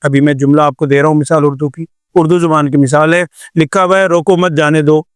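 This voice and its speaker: A man's voice: a little high, fairly even intonation, smooth, no echo, studio quality. Older male teacher, patient lecture. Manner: explains patiently with repeated examples and rhetorical questions. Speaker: Quran recitation teacher. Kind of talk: classroom lecture.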